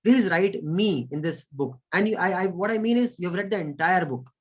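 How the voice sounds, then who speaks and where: A man's voice: high voice, drawn-out words, lo-fi sound. A man with an Indian accent running an online communication training, mixing Hindi and English and thanking chat participants by name. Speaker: corporate trainer. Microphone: video call.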